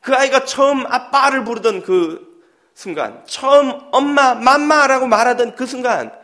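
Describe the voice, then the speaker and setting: A man preaching a sermon as pastor, telling a family story and acting out its dialogue with lively voices. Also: sits high. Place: church sanctuary.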